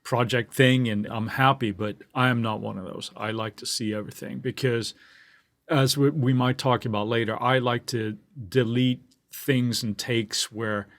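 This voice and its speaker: Easygoing man co-hosting a podcast, laughs easily, asks questions, dry close mic, mid pitch. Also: fairly even intonation, normal speed, fairly bright tone, no echo. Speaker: podcast co-host, mixing engineer. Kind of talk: casual chat. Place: studio.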